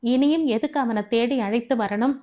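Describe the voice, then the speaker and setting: A woman's voice: fairly high pitch, moderate pace, mellow, pitched above the performer's own voice, lightly acted. A woman voicing a heartbroken young married daughter in an audio novel, speaking firmly and with resolve. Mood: resolute. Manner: firm, pleading.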